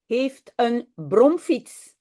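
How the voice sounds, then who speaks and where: A woman's voice: a little high, sing-song, extremely slow, dark tone, full character voice. A woman voicing a curious little girl in a children's storybook, full of questions.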